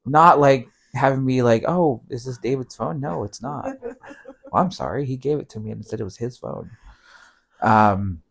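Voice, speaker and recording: Relaxed middle-aged man telling a story. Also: mid-range voice, moderate pace, creaky. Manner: relaxed, rambling with many fillers. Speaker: guest. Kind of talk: casual storytelling.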